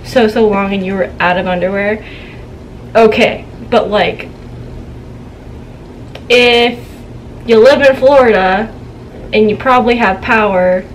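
This young adult woman's medium-pitched voice is a little slow, with long pauses, as she does a casual haul chat for her vlog. She's seated indoors at home, filmed on a tripod camera in a noisy room, telling giggly, gossipy stories.

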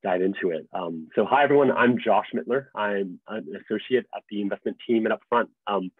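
A young adult man from Hong Kong, a venture investor, speaking on a video call panel in a relaxed, measured way with frequent ums. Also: lowish voice, husky, dry recording. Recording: tinny phone-like call audio.

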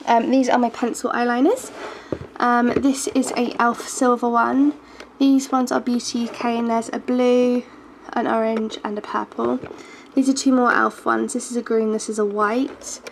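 Sounding groggy and a bit gravelly, this young woman tours her makeup collection from her bedroom, chatting hesitantly with plenty of ums and small laughs. Her voice is fairly high but flat, at a normal pace. The beauty vlog was shot up close on a handheld camera, and the home recording is noisy.

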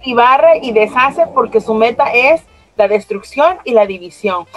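A woman's voice: a little high, lively intonation, measured pace, lo-fi sound, faint music behind. A woman pastor hosting an interview, speaking with an emphatic, preacher-like cadence. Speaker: host and pastor.

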